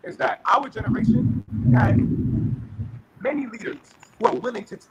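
A young man speaking over a crackling phone line, earnest and building to forceful emphasis as he calls in. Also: extremely high pitch, animated, normal speed, breathy edge. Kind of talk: passionate call-in speech.

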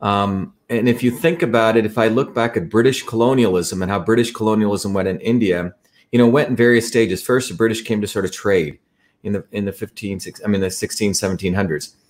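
Lecturing male host, lowish voice. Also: a little fast. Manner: lecturing, with frequent restarts. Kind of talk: interview conversation.

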